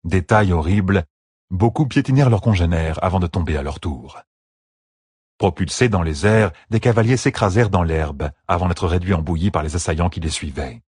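A man narrating a fantasy battle audiobook with steady, dramatic storytelling. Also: sits low, moderate pace, slightly rough, no room sound, clean studio sound.

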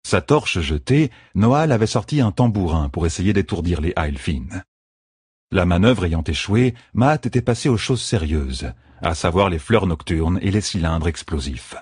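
A man narrating an audiobook chapter in a slow, measured reading. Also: deep voice, a little mellow, slightly rough, no room sound, clean studio sound. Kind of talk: scripted narration.

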